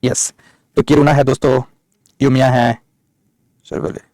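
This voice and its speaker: A man's voice: mid-range voice, level tone, unhurried, a little mellow, no echo, studio quality. A middle-aged male geography teacher, giving an online map lecture, answering students' chat questions and dictating notes.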